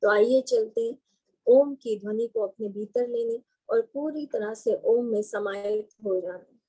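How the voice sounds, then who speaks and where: A woman leads a guided meditation lesson in a slightly high, mellow voice. She talks very slowly and gently, pausing and hesitating softly as she explains each step to the listener. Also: low-quality recording. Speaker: meditation instructor.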